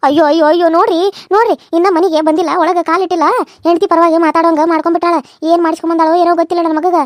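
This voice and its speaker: Woman voicing a shrill furious mother-in-law. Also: racing, no room sound, clean studio sound. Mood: raging. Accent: North Karnataka Kannada. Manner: shrill, berating, repetitive scolding. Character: furious scolding middle-aged mother-in-law. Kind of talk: cartoon serial voice acting.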